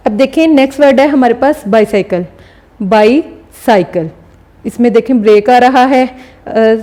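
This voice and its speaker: A woman teacher explaining a recorded lesson step by step, often pausing to check understanding. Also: fairly high pitch, warm tone. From Pakistan. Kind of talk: recorded classroom lecture.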